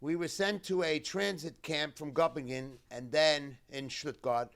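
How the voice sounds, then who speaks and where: Retelling a survivor's story as if it were his own, a cantor gives a memorial gathering's keynote address. His male voice is a little high with fairly even intonation, his delivery measured and deliberate in short phrases.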